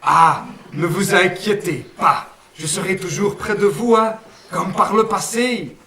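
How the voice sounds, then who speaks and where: A man's voice: high-pitched, unhurried, pushed and bright, full character voice. A man voicing a friendly male guardian angel with a Brussels accent, homely and fond of saying "une fois" and "hein". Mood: kindly. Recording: roomy sound, mic at a distance.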